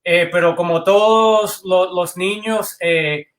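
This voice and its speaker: A man from Cuba, a band director, answering interview questions in a measured, thoughtful way over a video call. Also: high-pitched, steady tone, a bit bright. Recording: echoey room sound.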